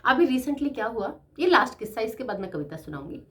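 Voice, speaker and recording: A middle-aged woman teacher giving a casual motivational talk, chatty and animated, laughing often as she talks. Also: a little high, fairly quick.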